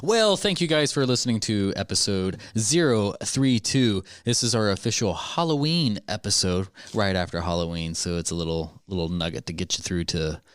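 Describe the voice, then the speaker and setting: A man's voice: fairly low pitch, animated, moderate pace, hardly any pauses, clean tone, no echo. A man hosting a podcast in casual chat, joking and teasing, often laughing. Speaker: podcast host.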